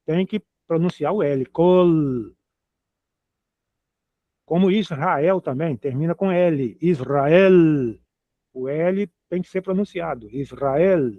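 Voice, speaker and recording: A man's voice: fairly high pitch, slow, no room sound. A man teaching a language lesson, patiently spelling out letters and repeating each word. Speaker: Hebrew teacher. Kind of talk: slow explanatory lesson. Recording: dry, tinny phone-like sound.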